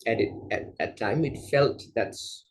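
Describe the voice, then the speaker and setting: A man from Malaysia, a yoga teacher, answering interview questions in a gentle, unhurried way with soft fillers. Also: mid-range voice, noisy background. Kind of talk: casual interview conversation.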